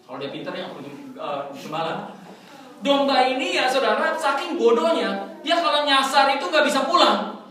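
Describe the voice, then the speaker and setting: A man from Indonesia preaching a sermon in a lively, joking way, drawing call-and-response from the congregation. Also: very high-pitched, moderate pace, recorded from a distance. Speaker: pastor. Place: church fellowship hall. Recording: echoey hall, mic from afar, congregation.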